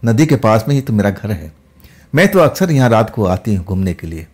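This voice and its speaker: A man voicing a kind, fearless young female ghost who talks softly and familiarly. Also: fairly low pitch, very animated, brisk. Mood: gently familiar. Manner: soft, familiar, using intimate address.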